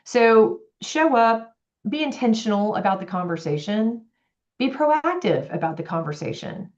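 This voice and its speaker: Animated woman executive coach, lo-fi. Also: on the high side, unhurried. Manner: animated, acts out quoted voices. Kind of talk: podcast conversation. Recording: dull lo-fi audio.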